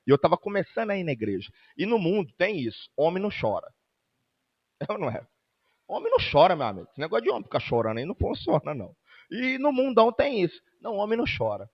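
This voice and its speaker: Fervent high-voiced Brazilian male preacher. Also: in a large hall, lo-fi sound. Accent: Brazilian Portuguese. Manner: fervent preaching that swings between loud exhortation and hushed storytelling. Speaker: pastor. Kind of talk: sermon. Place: church service.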